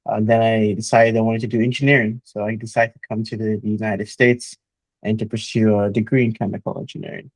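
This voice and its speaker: A man, a chemical engineer talking earnestly in an interview, often pausing with "uh" and starting with "so". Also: medium pitch, a little mellow, dry recording, rough recording. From Jamaica. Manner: earnest, motivational, frequent "uh" and "so". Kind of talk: conversational interview.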